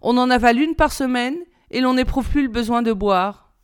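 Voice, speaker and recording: A woman reading a children's novel aloud with measured, expressive storytelling. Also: a little high, clear, resonant tone. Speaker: reader.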